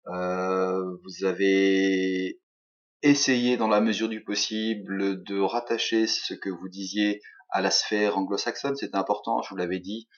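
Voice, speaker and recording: A man's voice: sits low, fairly even intonation, measured pace. A man with a French accent, a native French speaker, teaching English and giving recorded feedback on a student task, hesitant and full of fillers. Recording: dull lo-fi recording.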